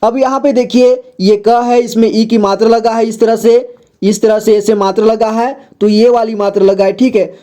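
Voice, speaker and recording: A woman teaching Hindi letters and vowel marks, explaining patiently, repeating herself and drawing out syllables slowly one by one. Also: fairly high pitch, steady tone, dark tone. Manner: patient, repeats "ठीक है" and "देखिए" often, drills syllables slowly. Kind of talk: slow classroom explanation.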